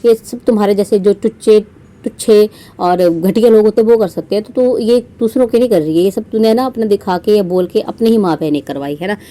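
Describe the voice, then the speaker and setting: Woman from India, podcast host, sarcastic scolding commentary, warm mellow tone. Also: mid-range voice, brisk. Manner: scolding, sarcastic, many fillers. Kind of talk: casual roast commentary.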